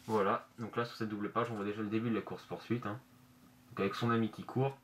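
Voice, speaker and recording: A man presenting casually in a halting, hesitant way, his voice slightly muffled through a face mask in a bedroom. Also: lowish voice, level tone. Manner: hesitant, halting, searching for words. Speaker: manga review vlogger. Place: bedroom, indoors. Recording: noisy amateur room recording.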